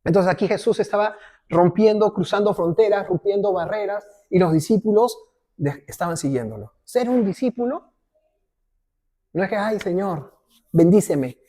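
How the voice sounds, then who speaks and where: A man's voice: high voice, lively intonation, normal speed, dark tone. A male pastor preaching a sermon in a conversational way, often checking in with the congregation and briefly acting out little quotes.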